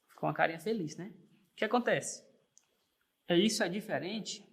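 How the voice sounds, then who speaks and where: This man's voice sits high and sounds a bit bright as he teaches an online music theory lesson. Patient and encouraging, he often checks in with the learner and sings single sustained notes while clapping the beat.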